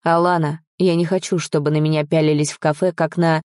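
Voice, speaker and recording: Woman doing a gruff bitter young guy in a wheelchair, low and mellow. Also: flat delivery, brisk, no echo, clean studio sound, natural voice. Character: brooding young man in a wheelchair.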